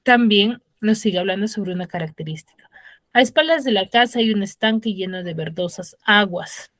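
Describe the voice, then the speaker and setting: A woman teaching a class over a video call reads passages aloud at an even pitch, then explains what they mean. She calls on students one by one. Her voice sounds dry and close, with no room around it. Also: dry recording. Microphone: computer or phone on a video call.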